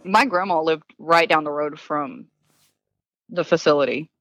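A woman's voice: deep voice, measured pace, a bit bright, no room sound, low-quality recording. A woman recounting her past plainly and earnestly as a guest in a casual interview. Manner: earnest, matter-of-fact recounting. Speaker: podcast guest.

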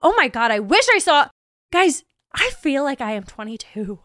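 A woman's voice: sits high, big pitch swings, a bit bright, dry recording, studio quality. A woman of twenty-five hosting her own podcast, talking casually and chattily, with lots of "like" and light laughs. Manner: chatty and bubbly, full of "like" and quick laughs. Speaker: podcast host. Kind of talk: casual solo podcast recap.

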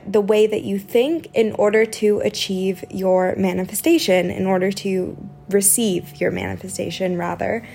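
A woman speaks as a podcast host and teacher in a casual, informal style. Her voice sits at a medium pitch, and she leans on key words by repeating them. Music plays faintly in the recording. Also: darkish tone. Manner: chatty, informal, emphatic repetition of words. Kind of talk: casual solo podcast talk.

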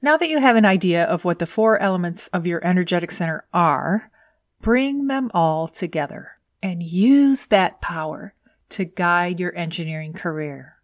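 Give me a woman podcast host with a slightly low voice and a very dry, close sound. She reads scripted career advice in a neat, step-by-step, instructional manner, like a coach addressing listeners directly. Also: expressive, moderate pace, no room sound. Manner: tidy, orderly, instructional delivery.

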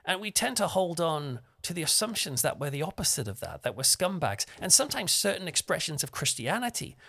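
A man's voice: a little high, very animated, brisk, creaky, pushed and bright. A young man giving a conversational, self-deprecating devotional talk as a preacher. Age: young adult.

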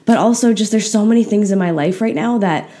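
A woman hosting a motivational podcast, talking casually and candidly with a hoarse voice. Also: mid-range voice, a little fast, warm tone. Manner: candid, chatty, self-deprecating. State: hoarse, unusual voice today. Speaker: podcast host. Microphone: podcast microphone.

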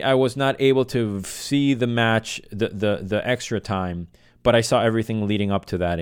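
A man with a fairly low voice, recorded close and dry. He hosts a solo fan podcast off the cuff. His delivery is casual, passionate and led by feeling. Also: clean tone, no room sound. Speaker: podcast host.

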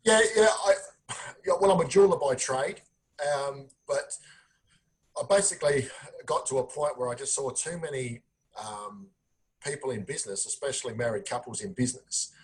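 A man's voice: medium pitch, moderate pace, darkish tone, low-quality recording. A man with an Australian accent, a podcast guest, talking plainly and earnestly with frequent ums. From South Australia. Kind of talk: conversational interview.

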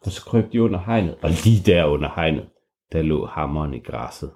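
Dad improvising a bedtime story; low, mellow, animated. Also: male voice. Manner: animated, swooping into voices and sound effects. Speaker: parent telling a bedtime story.

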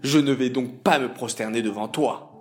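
A man voicing a calm, shrewd man in a children's story, speaking evenly. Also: medium pitch, moderate pace, natural voice.

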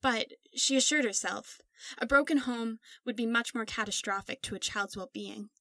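A woman reads a scripted story in a steady, measured way. Her voice is bright and sits fairly high, and she stays close to the microphone. The sound is dry, with no room around it. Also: dry recording. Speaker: narrator.

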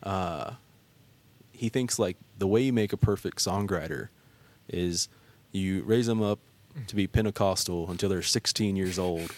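Very deep-voiced man telling stories. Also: measured pace, darkish tone. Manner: storytelling, filler-heavy, earnest. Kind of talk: casual chat.

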